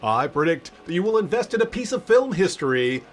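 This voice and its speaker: A man's voice: sits high, big pitch swings, brisk. A man reading scripted sales narration as an advertising announcer. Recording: faint music behind.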